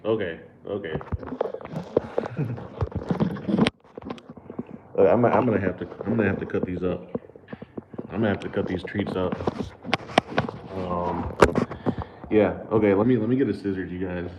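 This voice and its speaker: Reading super chats on a casual livestream, this American man speaks low and a little slowly, pausing often, laughing a lot, and stumbling through fillers and repeats. The sound is reverberant and dull, buried in heavy background noise.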